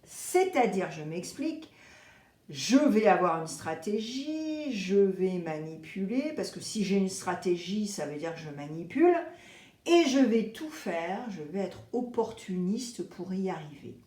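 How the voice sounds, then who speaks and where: A woman giving a casual, chatty tarot reading, expressive and animated, acting out little quoted exchanges. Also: medium pitch, a little slow, reverberant. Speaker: tarot reader.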